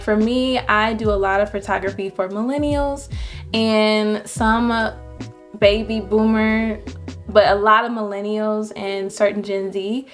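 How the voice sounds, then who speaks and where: A young adult woman photographer giving casual, encouraging business advice to viewers, with lively jumps in pitch when she stresses a point. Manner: chatty and encouraging, animated pitch jumps on emphasis.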